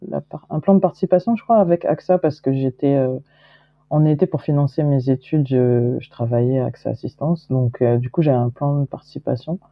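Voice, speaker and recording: Low-voiced hesitant woman, dull dry line. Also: fairly quick, dry recording. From Guadeloupe. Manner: hesitant, many fillers and restarts. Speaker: podcast guest. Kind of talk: casual interview chat.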